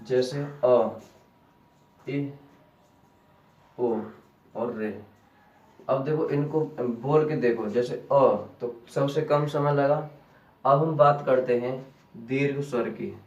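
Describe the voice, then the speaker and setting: Slow echoey male grammar teacher. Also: mid-range voice, lo-fi sound. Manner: repeats key terms as questions to students; slow and deliberate. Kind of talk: classroom grammar lesson. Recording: echoey room, voice from a distance.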